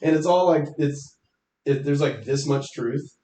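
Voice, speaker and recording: A man's voice: fairly high pitch, measured pace, mellow, echoey room, slight background noise. A man, a stand-up comedian guest, telling rambling, sarcastic stories in a casual interview chat. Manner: rambling storyteller, jokey and sarcastic.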